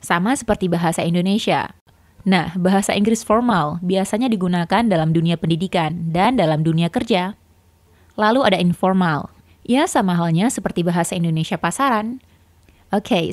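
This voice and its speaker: Woman, English tutor, patient step-by-step explainer, slightly low voice, dry sound. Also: a little fast, dry recording. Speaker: English teacher. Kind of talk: explanatory language lesson.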